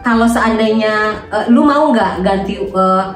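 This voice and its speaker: A woman's voice: mid-range voice, measured pace, distant mic, faint music behind. A married woman guest in casual chat, speaking candidly and laughing easily. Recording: echoey room, away from the mic.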